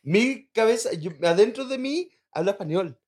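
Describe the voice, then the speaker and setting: A man's voice: high voice, expressive, normal speed. This young man answers briefly and plainly. He talks with his family in Spanish and slips into English now and then. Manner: short, matter-of-fact answers, mixes in English. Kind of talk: casual family chat.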